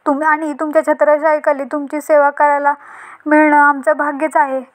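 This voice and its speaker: A woman reading the lines of a sly young son-in-law who flatters his father-in-law. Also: high-pitched, a little fast, lightly acted. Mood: flattering. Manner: polite, flattering.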